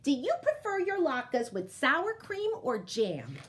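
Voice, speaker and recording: A woman's voice: sits high, wildly swooping pitch, slow pace, voice pushed up, full character voice. A woman voicing a kindly, chatty old grandmother who fusses over and coaxes her guest in a storybook tale. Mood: kindly, fussing. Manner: fussing, coaxing, exclaiming.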